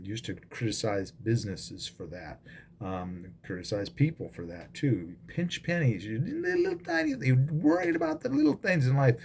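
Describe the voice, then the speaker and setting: Pastor talking into a phone video. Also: male voice, mid-range voice, darkish tone, slight background noise. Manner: conversational, with frequent ums and restarts. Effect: phone video recording. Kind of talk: casual daily devotional talk. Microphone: recorded on a phone.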